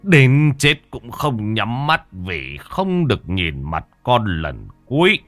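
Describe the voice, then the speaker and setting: Man voicing an old grandfather, gruff, scolding, slow, bright edge, dry recording. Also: medium pitch, sing-song, dry recording, soft background music, voice pushed up, heavily acted. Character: stern old grandfather, wealthy household head.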